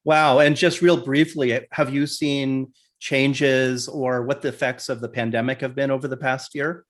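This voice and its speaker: A man's voice: medium pitch, flat delivery, measured pace. A man hosting an interview podcast, upbeat and encouraging as he introduces and questions his guest. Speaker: podcast host and clinician.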